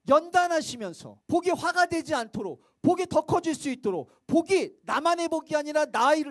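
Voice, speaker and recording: Guy pastor giving a sermon, super high voice, chatty, keeps asking the crowd questions, acts out people now and then. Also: no echo. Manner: conversational preaching with rhetorical questions to the congregation; acts out quoted voices, sometimes shouting.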